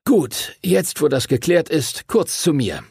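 Male reader voicing a brusque old pilot-teacher, storybook, raspy. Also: on the high side, big pitch swings, unhurried, darkish tone, no echo, studio quality, pitched above the performer's own voice, exaggerated voice. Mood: gruff. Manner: brusque, commanding. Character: wild gray-haired male pilot and teacher, gruff.

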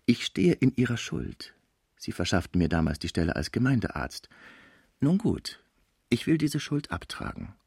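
A man's voice: lowish voice, very animated, a little mellow, breathy edge, no echo, studio quality, exaggerated voice. A man doing a cautious, dignified doctor. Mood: guarded. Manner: measured, formal. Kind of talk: audiobook character voice.

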